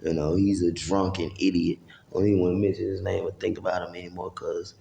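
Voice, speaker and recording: Gravelly deep man telling a rambling story. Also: flat delivery, fast talker, dark tone, echoey room, highs cut off, a little hiss or hum. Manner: rambling, profane street talk with acted-out quotes. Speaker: vlogger. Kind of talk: casual storytelling to camera.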